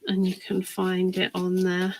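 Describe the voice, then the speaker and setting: A woman's voice: lowish voice, monotone, a little hiss or hum, low-quality recording. A woman chatting to viewers in a live crafting demonstration, talking as she works. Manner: chatty and unhurried, talks while working.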